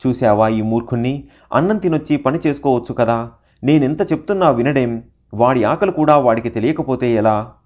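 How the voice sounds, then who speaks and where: A man voicing an old holy man who is quick to anger but tender underneath, with a scolding, shouting way of talking. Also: mid-range voice, close to an everyday voice. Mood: grumbling. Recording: dull lo-fi recording.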